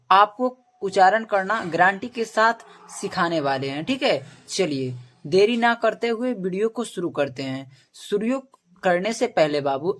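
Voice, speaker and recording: Slow, drilling woman teacher. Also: medium pitch. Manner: ends nearly every point with "okay"; spells words out letter by letter. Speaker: English teacher. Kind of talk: spoken lesson to camera.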